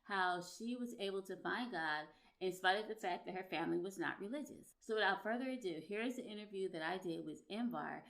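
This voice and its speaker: A woman's voice: mid-range voice, a little fast, gravelly, few pauses, a bit bright. Female podcast host, upbeat and emphatic, introduces and interviews guests. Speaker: podcast host and relationship coach.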